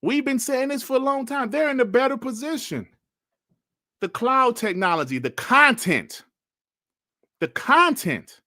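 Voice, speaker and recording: A man in his forties chatting casually on a livestream, reading out chat messages and bantering with loud laughs and slang. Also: very high-pitched, animated, unhurried, long pauses, no room sound, clean studio sound. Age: 40s. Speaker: streamer reading live chat.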